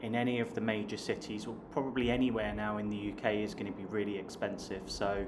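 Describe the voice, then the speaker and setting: Speaking quickly in a flat, lowish voice, this man in his late thirties from Hampshire in southern England has a southern English accent. As an online English teacher and vlogger, he chats casually to camera and refers to viewers as "guys," with clear background noise behind him.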